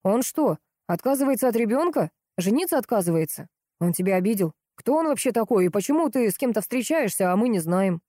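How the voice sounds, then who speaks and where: A woman's voice: medium pitch, animated, fairly quick, warm tone, no room sound, clean studio sound, voice pushed up, close to an everyday voice. A woman voicing a strict, protective older brother who fires off demanding questions. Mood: insistent.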